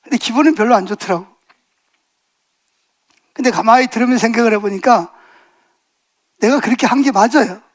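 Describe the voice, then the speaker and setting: A man's voice: very high voice, a little fast, pauses often. A man in his sixties, a pastor preaching a sermon, telling stories and asking the congregation rhetorical questions, building to emphatic bursts.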